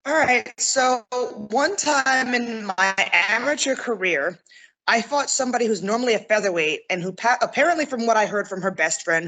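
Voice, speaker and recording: Young woman, interview guest, mid-pitched, chatty, candid, casual. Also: fairly bright tone, poor audio. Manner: chatty and candid, laughs often, says "like" a lot. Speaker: interview guest, MMA fighter.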